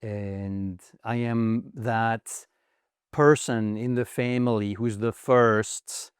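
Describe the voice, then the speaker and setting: Slow-spoken man with a French accent. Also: mid-range voice, fairly even intonation, clear, resonant tone, no room sound, studio quality. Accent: slight French. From France. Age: middle-aged. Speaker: podcast guest, investment fund founder. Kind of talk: interview conversation.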